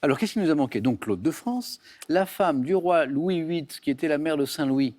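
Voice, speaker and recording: Quiz host, male, slightly higher voice, brisk and crisp delivery, studio. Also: lively intonation, a little mellow. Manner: brisk, reads questions crisply. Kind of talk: game show hosting. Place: television studio.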